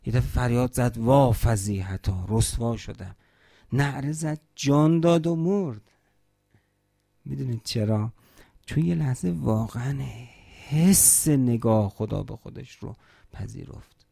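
A man's voice: mid-range voice, vocal fry, pauses often, warm tone, dry recording, clean studio sound. A man preaching a religious sermon at a mourning gathering, emphatic, asking rhetorical questions and quoting scripture in Arabic.

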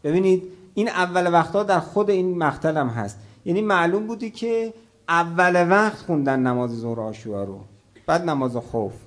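A man delivering a fervent religious sermon in a voice pitched a little above the usual male range. He shifts between loud, soaring exclamations and low, near-whispered passages, speaking straight to his listeners as brothers and sisters. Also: expressive. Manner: addresses the audience directly as brothers and sisters. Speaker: preacher. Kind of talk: religious sermon with recitation of a martyrdom story.

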